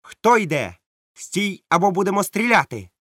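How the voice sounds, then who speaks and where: A man's voice: high voice, animated, moderate pace, fairly bright tone, dry recording, clean studio sound, voice pushed up. A man voicing a stern, commanding male ship captain who speaks in curt, barked orders, read as an audiobook. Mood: alert.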